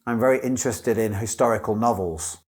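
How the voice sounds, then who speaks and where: A man, an English teacher, giving scripted model answers as an exam candidate in a clear, careful delivery. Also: on the low side, fairly quick.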